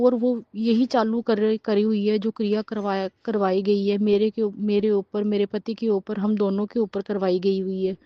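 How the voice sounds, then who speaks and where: A woman's voice: mid-range voice, dry recording, dull audio. A middle-aged woman giving an emotional personal testimony as a devotee, pleading and aggrieved, often breaking off and restarting her words.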